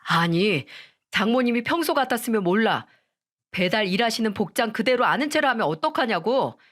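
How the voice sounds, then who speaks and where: A woman's voice: on the high side, animated, moderate pace, fairly bright tone. A woman voicing an arrogant young husband who talks in a curt, irritated, condescending way.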